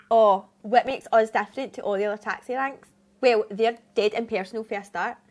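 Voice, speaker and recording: A woman's voice: a little high, lightly acted. A young woman with a broad Scottish accent playing a chatty, naive, eager taxi dispatcher in a comedy sketch. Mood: earnest, chatty. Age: young adult. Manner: chatty, colloquial. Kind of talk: acted comedy sketch, chatty customer-service talk. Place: small office, indoors.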